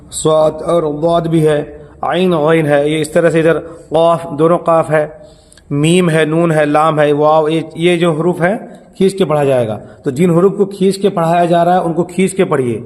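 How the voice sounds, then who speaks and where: A man with a somewhat high voice teaches children how to pronounce letters for Quran reading. He drills patiently and repeats himself, often stopping to quiz the pupils with quick questions. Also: darkish tone.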